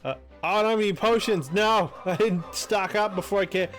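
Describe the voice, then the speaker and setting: Guy playing a game and talking to himself, slightly high voice, music going loud behind. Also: brisk. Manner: chatty, reacts aloud, mutters to himself. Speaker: let's play gamer. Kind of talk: casual gameplay commentary.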